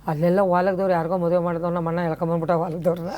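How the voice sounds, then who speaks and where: A woman's voice: fairly low pitch, very fast. An older woman with a Kannada accent, a guest actress telling life stories in a casual interview and acting out quoted dialogue. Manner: animated storyteller, acts out quoted dialogue.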